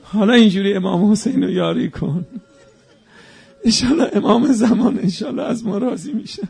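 A man preaching a mourning sermon, moving between quiet narration and chanted, wailing cries. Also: high voice, gravelly, breathy edge.

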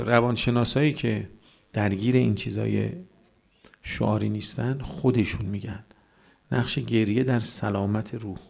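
Gravelly-voiced man preaching. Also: lowish voice, a little mellow. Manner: argumentative, rhetorical questions, mocking quoted voices. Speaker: cleric. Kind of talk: religious sermon.

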